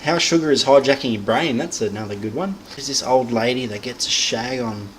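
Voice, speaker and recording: Young man, casual vlog ramble, crude swearing, mid-pitched, faint hum behind. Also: a little fast, a bit bright, rough recording. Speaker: vlogger. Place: home room.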